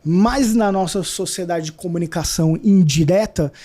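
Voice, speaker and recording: Man, high pitched, mellow tone, interview guest, blunt, halting with fillers. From Brazil. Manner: self-described hyperactive. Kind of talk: conversational interview answers.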